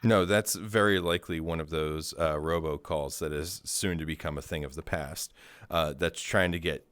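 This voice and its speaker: Low-voiced guy hosting a chat show, sarcastic and rambly, dry sound. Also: fairly even intonation, normal speed, fairly bright tone, no echo. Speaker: show host. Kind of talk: casual podcast chat.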